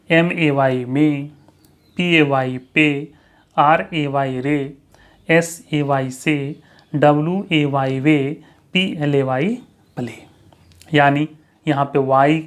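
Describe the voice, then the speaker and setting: A man teaching English pronunciation rules in a spoken lesson, drawing out and repeating each example. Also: fairly high pitch.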